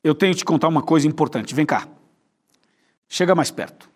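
A man's voice: fairly high pitch, expressive, a little fast. A man with a Brazilian Portuguese accent preaching an evangelistic sermon as a pastor, speaking intimately to the listener with repeated rhetorical questions. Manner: intimate, inviting address to the viewer.

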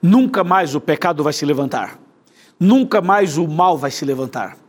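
A Brazilian man delivering a fervent sermon with a Brazilian Portuguese accent. His voice sits a little high for a man. He preaches in a rhythmic, repeating cadence. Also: expressive, normal speed.

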